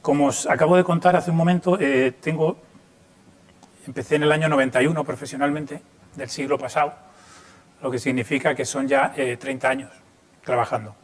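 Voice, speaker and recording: A man in his fifties, from Chile, giving an informal talk to students, pausing often with fillers and restarts. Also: on the high side. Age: 50s. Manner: hesitant, many fillers and restarts. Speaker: lighting designer giving a talk.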